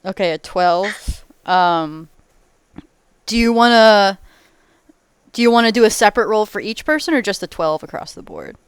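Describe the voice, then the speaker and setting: A woman's voice: medium pitch, very animated, normal speed, long pauses, clean tone, no room sound. A woman narrating a tabletop game as game master, rambling with lots of fillers. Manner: rambling, filler-heavy, giggly.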